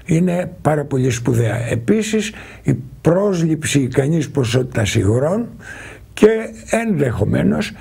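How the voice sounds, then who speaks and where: A man speaking as a doctor on a health talk, in a very husky voice with a gravelly edge. He explains step by step and in a measured way, turning to the viewers with their likely questions. The voice sits dark and mellow. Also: on the high side, very animated.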